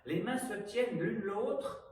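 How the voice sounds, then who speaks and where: A high-pitched man leads an aikido warm-up, calmly talking students through each breath and movement. He is heard from a distance in a very echoey room, with faint music in the background. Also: slight background noise. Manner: calm, measured cues for breathing and movement. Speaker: aikido instructor. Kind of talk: guided exercise instruction.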